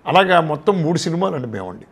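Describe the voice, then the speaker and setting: A man's voice: on the high side, sing-song, fast. An older man with a Telugu accent, a film director in an interview, telling stories of his career and acting out the old conversations. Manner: storytelling, acts out past conversations. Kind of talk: reminiscing interview talk.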